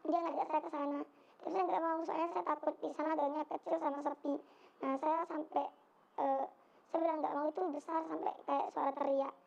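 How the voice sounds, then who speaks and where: Young woman recounting an ordeal in halting testimony, high gravelly voice, muffled lo-fi sound. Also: darkish tone. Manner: hesitant, halting with many fillers. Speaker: interviewee recounting an assault. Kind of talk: spoken testimony. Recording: dull lo-fi recording.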